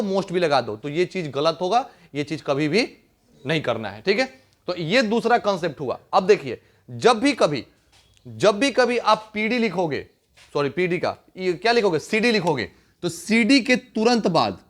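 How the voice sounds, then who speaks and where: A man's voice: sits high, sing-song, normal speed, fairly bright tone. A young man teaching a grammar lesson to a class, often repeating questions and checking whether the students understand.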